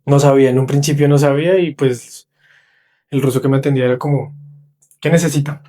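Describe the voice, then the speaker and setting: A young Colombian man with a Colombian Spanish accent, a podcast guest telling stories in casual chat, animated and acting out the voices of people he met. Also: medium pitch, a little fast. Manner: animated, acts out quoted voices. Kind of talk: casual storytelling.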